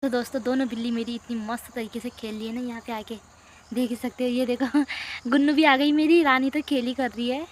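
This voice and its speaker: A woman's voice: on the high side, fairly even intonation, fairly quick, a little hiss or hum. Young village vlogger woman with a cold. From Uttarakhand hills, India. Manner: chatty, talks to her viewers and coos at her cats. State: has a cold and sore throat. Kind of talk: casual vlog chat.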